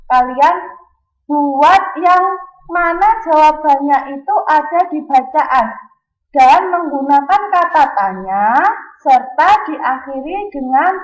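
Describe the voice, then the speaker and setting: A woman who is a primary school teacher, giving a recorded lesson and patiently asking and answering questions for her pupils. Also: high-pitched. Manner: patient, addresses pupils directly, asks then answers questions. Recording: echoey room, slightly dull sound.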